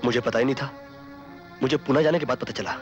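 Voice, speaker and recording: Actor as earnest young hero, sincere, mid voice, film music behind. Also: male voice, medium pitch, fast, highs cut off, lightly acted. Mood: somber. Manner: sincere pleading.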